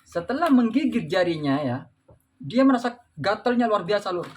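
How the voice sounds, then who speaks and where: A man's voice: high-pitched, sing-song, normal speed, a little hiss or hum. A man preaching in a casual, folksy way with a light flavor, telling religious stories and addressing listeners as "Lur" after nearly every phrase. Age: adult father. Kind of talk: casual religious talk and storytelling.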